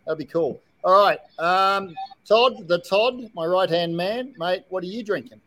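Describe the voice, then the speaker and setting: A man's voice: high-pitched, measured pace, a bit bright. An Australian man hosting a casual live online chat show from his shed.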